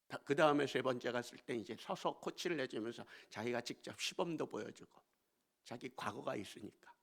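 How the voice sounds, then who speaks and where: A male pastor gives a storytelling sermon in a church, his voice gravelly with a rough, creaky edge. He sits at a middle pitch and moves between quiet, confiding asides and sudden emphatic lifts. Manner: storytelling, swinging from hushed asides to emphatic exclamations. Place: church sanctuary.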